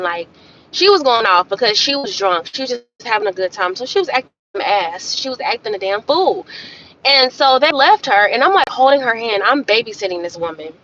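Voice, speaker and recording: Animated sassy woman telling a story. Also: on the high side, a little fast, highs cut off, a little hiss or hum. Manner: animated, sassy, addresses viewers as y'all. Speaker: livestream host. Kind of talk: casual storytelling chat.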